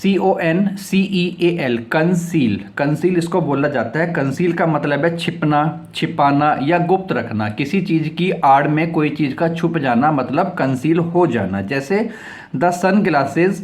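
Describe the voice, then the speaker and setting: This man's voice is a little high, with lively intonation. Teaching English vocabulary, he explains every word, spells it letter by letter, says it again several times, and reads example sentences at a slow pace.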